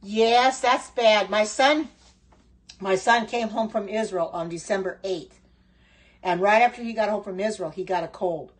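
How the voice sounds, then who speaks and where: This home cooking livestreamer is an older woman speaking at a medium pitch and measured pace. While she bakes she greets viewers by name and wanders from subject to subject, restarting often, saying um a lot, and dropping folksy sayings.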